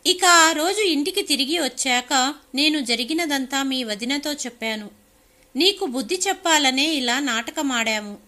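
A woman's voice: high voice, unhurried, pushed and bright. A woman voicing a stern old mother who reproaches her grown daughter at length. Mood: reproachful.

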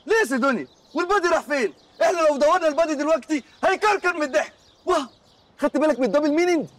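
Punning Egyptian sitcom sidekick, jokey and mocking, with a wide, lively pitch. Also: male voice, very fast. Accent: Egyptian Arabic. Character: cheeky young man teasing his friend with puns. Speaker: sitcom character. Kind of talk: TV sitcom acting.

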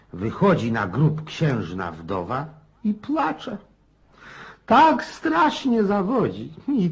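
In a radio play, an actor voices a talkative, cynical old Cossack who is rough-edged and folksy and keeps prodding his listener with questions. His voice is a little high and exaggerated, and he sounds musing and reminiscent.

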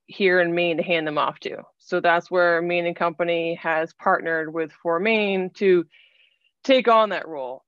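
A woman in her thirties giving an online webinar presentation from a small room, explaining things in a measured way with some fillers. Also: on the low side, fairly bright tone, no room sound. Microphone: laptop webcam video call. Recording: dull, dry video-call audio.

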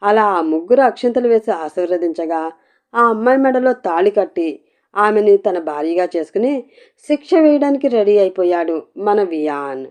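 A woman storyteller reading a scripted tale aloud. Her voice is mellow and warm, mid-pitched, with an even, expressive delivery. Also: normal speed.

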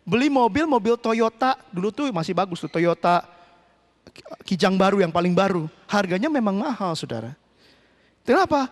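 A man preaching a sermon as pastor, with sudden shouted lines and English phrases mixed in. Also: sits high, expressive, moderate pace. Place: church hall. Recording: long church hall reverb.

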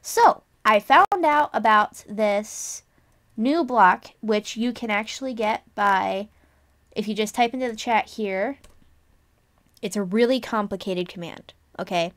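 A woman's voice: medium pitch, measured pace. A young adult woman hosting a casual game tutorial, chatty and rambling, often correcting herself and teasing her viewers. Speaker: channel host.

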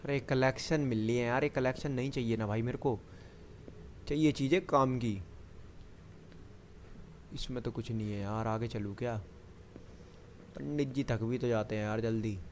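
A man's voice: medium pitch, moderate pace, long pauses, slight background noise. Jumpy man narrating a horror game. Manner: chatty, keeps talking to himself and the viewer; jumpy, panicky bursts when the enemy appears. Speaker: gamer. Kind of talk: horror gameplay commentary.

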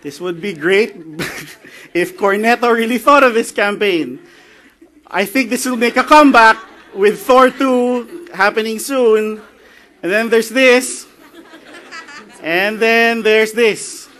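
Filipino guy doing a conference talk, high bright voice, jokey and chatty. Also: takes it slowly. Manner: joking, chatty, mixes in Tagalog phrases. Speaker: conference speaker. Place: conference hall.

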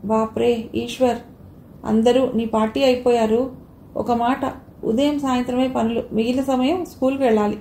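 Storybook: a woman reading a gentle, firm family father, mellow tone, roomy echo. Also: on the high side, fairly even intonation, moderate pace, a little hiss or hum, close to an everyday voice. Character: kind, firm middle-aged father.

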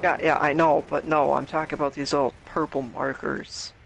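A man's voice: on the high side, level tone, moderate pace, vocal fry, fairly bright tone, slight background noise, low-quality recording. A man playing a co-op shooter for the first time, answering his friends in brief, laid-back replies over a headset. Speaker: new player in co-op game. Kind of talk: casual gaming chat.

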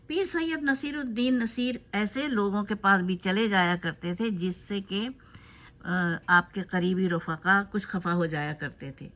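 A woman giving a spoken tribute in a loose, unscripted way, pausing often with fillers. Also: medium pitch, fairly bright tone. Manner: hesitant, with frequent filler pauses. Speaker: narrator of a tribute video.

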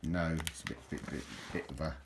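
Deep-voiced bloke rambling about old photos, repeats himself a lot, faint hiss behind. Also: male voice, fairly even intonation, fairly quick. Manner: rambling, repeats words, chuckling asides. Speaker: vlogger. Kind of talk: casual reminiscing over old photos.

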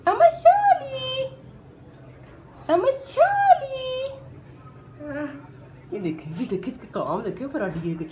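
During a power cut at home, a woman vlogger with a Pakistani Urdu accent teases a toddler in a sing-song voice, narrating playfully in baby talk. Her voice sits in the mid-range, and the recording has a little hiss or hum.

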